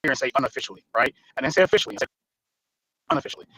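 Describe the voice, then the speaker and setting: A man's voice: mid-range voice, very animated, a bit bright, husky, no room sound, clean studio sound. A man chatting casually as a guest over a choppy phone connection that sounds garbled and underwater. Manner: quick, chatty storytelling. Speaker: guest on a tech talk show. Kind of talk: casual chat. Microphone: phone call.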